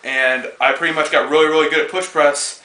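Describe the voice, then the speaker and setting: A twenty-year-old strongman athlete and coach narrates a lifting demonstration casually, dropping lots of fillers between lifts. His slightly high voice is bright, forceful, steady in tone and a little fast. He's recorded from a distance in an echoey gym, so the room rings around him.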